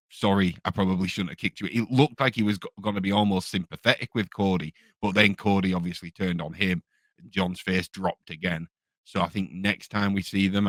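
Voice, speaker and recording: A man's voice: low-pitched, a bit bright, no room sound. A man chatting casually as an opinionated wrestling fan, enthusiastic and rambling. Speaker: wrestling podcast commentator.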